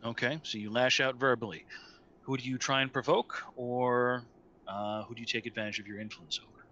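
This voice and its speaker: Bright-voiced man running a tabletop game. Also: mid-range voice, fairly even intonation, brisk, lo-fi sound. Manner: patient, methodical, many fillers. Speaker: game master. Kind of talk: explaining game rules. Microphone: online call mic.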